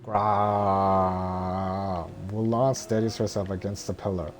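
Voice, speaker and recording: A man reading a film script as narration in a monotone, droning way, halting and stumbling over words. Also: fairly low pitch, noisy background.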